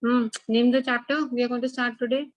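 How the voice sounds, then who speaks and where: A woman's voice: on the high side, little pitch movement, a little fast, dry recording, highs cut off. A woman with an Indian accent, a school teacher instructing an online class, repeating herself and checking in with questions.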